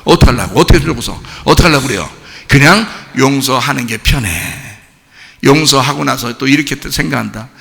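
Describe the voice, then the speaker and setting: A man's voice: medium pitch, expressive, fairly quick, gravelly, fairly bright tone, big-room sound. A male pastor preaching a sermon, emphatic and full of rhetorical questions to the congregation, acting out quoted lines. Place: church sanctuary.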